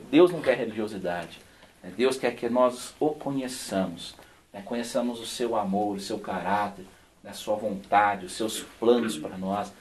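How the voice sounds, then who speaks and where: A man's voice: medium pitch, slight background noise. A man, a pastor, gives an informal sermon and personal testimony at a home gathering, telling stories in a folksy way and often adding "né?". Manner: folksy storytelling, constantly adds "né?" and laughs softly.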